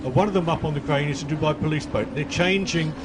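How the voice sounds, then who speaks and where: A man's voice: a little high, fast, heavy background noise. A man doing live race commentary in a chatty, jokey way, describing boats he watches out the window.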